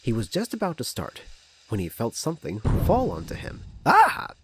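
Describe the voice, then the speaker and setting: A man's voice: mid-range voice, wildly swooping pitch, moderate pace, vocal fry, very noisy. A man narrating a parody of a children's train story in storybook style, with music behind him.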